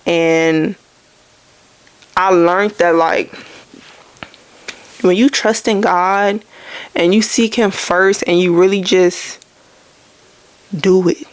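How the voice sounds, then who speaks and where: A woman's voice: lowish voice, steady tone, extremely slow, long pauses, no echo. A young woman hosting her own podcast, chatting casually about faith and addressing listeners as y'all. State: out of breath. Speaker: podcast host.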